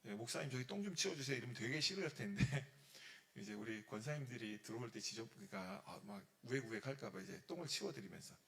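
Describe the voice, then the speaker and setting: A man, a pastor, giving a sermon to a youth group, acting out prayers and God's words in sudden loud bursts. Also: medium pitch, expressive, fast, creaky.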